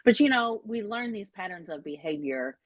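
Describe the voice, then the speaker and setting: A middle-aged woman health coach and author, chatting in an interview in an animated, self-deprecating way with many fillers. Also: mid-range voice, normal speed, dry recording. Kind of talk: casual interview chat.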